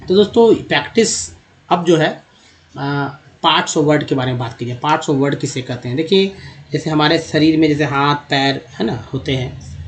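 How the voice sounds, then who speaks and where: Man teaching phonics. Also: on the high side. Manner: explains step by step, asking and answering his own questions. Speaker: English teacher. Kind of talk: spoken English phonics lesson.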